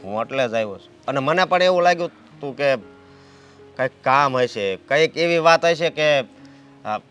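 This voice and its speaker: A man's voice: mid-range voice, expressive, normal speed, a bit bright, clear, resonant tone, soft background music, lightly acted. An actor playing a respectful young brother who reassures his elderly uncle. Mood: concerned.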